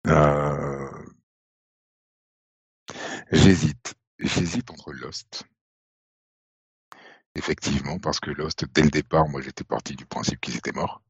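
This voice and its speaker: Man, extremely deep voice, gravelly, husky, dull lo-fi mic, dry, laid-back stream chat. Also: steady tone, slow pace, long pauses, dry recording. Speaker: podcast co-host. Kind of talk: casual live-stream chat.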